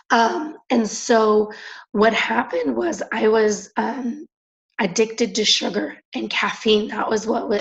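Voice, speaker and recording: A young woman with a hoarse, raspy voice, chatting enthusiastically with lots of fillers as she hosts a conference call. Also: a little high. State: hoarse, clearing throat. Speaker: independent promoter hosting a conference call. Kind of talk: casual phone-call presentation. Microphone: phone or conference line. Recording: dull lo-fi conference call audio.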